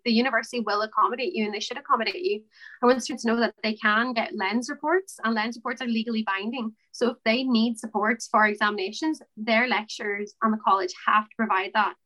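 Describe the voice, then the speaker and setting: Bright-voiced young Irish woman. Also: a little high, poor audio. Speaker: student election candidate. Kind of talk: informal interview answers.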